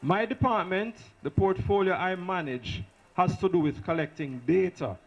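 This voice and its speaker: At a school awards ceremony, a high-voiced man with a Jamaican accent gives an impassioned, off-the-cuff speech at normal speed, repeating himself for emphasis. The lo-fi recording echoes through the school hall.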